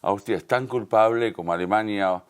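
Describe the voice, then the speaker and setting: A man with a fairly deep, resonant voice and a Rioplatense accent from the Río de la Plata region of Uruguay and Argentina appears as a guest on a TV interview. He speaks clearly at a moderate pace, making his points conversationally and emphatically, sometimes rephrasing mid-sentence.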